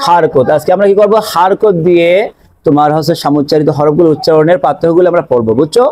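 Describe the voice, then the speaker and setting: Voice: medium pitch, quick pace, dark tone. A teacher leads a classroom pronunciation drill. The teacher asks questions and answers them, repeating each letter sound several times. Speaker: Quran recitation teacher.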